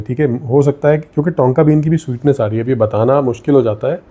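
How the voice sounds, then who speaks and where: Indian male perfume vlogger, deep mellow tone, chatty code-switching review. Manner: mixes Hindi and English, thinks aloud while sniffing. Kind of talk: casual product review vlog.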